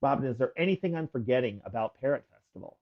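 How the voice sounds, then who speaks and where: A man's voice: medium pitch, expressive, fast. A man co-hosting a livestream, giving casual, upbeat announcements in a chatty, promotional way. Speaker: livestream co-host. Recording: dull lo-fi livestream audio.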